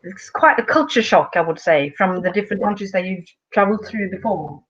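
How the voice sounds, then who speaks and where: A woman's voice: mid-range voice, fairly quick, slight background noise. Encouraging woman teacher on a dull call line. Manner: encouraging, chatty. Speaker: English teacher. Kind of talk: online English lesson.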